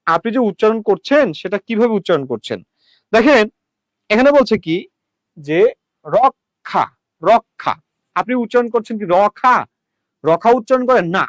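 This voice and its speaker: High-voiced Bangladeshi teacher drilling pronunciation. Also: male voice, no room sound. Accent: Bangladeshi Bengali. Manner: repeats words slowly, syllable by syllable; asks the viewers questions. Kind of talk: live online grammar lesson.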